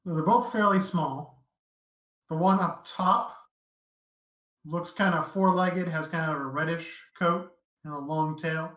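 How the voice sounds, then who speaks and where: A man's voice: on the high side, a little slow, a bit bright, echoey room, poor audio. A man narrating as dungeon master in an easygoing, casual way, full of fillers. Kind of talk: narrating a tabletop game.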